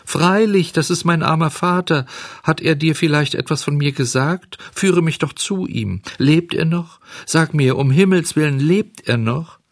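A man's voice: lively intonation, creaky, no echo, clean studio sound. A man voicing a desperate, weeping wooden puppet boy who pleads and sobs. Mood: eager. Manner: sobbing, pleading, high and fast.

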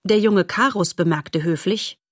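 A woman reading a children's novel aloud as narrator, in a steady, expressive storytelling manner. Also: on the low side, measured pace, husky, dry recording, clean studio sound.

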